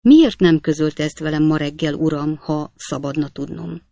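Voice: medium pitch, steady tone, gravelly, warm tone, no room sound, close to an everyday voice. An insolent army officer, as a storyteller plays him, curt and sure of himself, his voice a little raised and firm. The recording is dry and close. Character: brash male army officer acting as a second.

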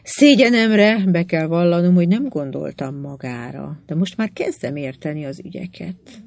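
A woman reading an audiobook, voicing a calm, dry-witted English adventurer who speaks slowly and deliberately, stressing each word. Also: fairly low pitch, gravelly.

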